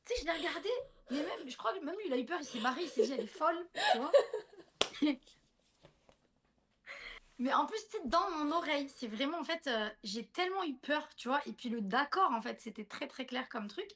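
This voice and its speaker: A woman in her thirties tells a personal story in a relaxed, chatty way. Her voice sits a little high. She keeps stopping to restart and turns to her listener with small asides. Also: fast talker. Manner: chatty, many fillers and restarts, addresses listener directly. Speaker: guest telling a personal story. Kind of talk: casual storytelling chat on a livestream.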